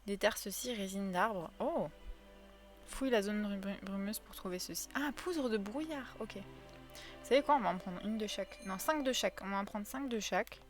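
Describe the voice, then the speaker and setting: A woman's voice: medium pitch, moderate pace, soft background music. A woman giving casual, chatty commentary while streaming a cozy game, talking to her viewers, counting items aloud and crying out when things go wrong. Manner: chatty, talks to viewers, counts aloud, bursts into cries of frustration.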